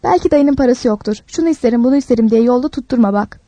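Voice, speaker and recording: A woman's voice: a little high, very fast, dark tone, dry recording, natural voice. A woman voicing a careful mother who warns and scolds her son in a storybook reading. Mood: firm. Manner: firm, warning. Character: careful young mother, firm and protective.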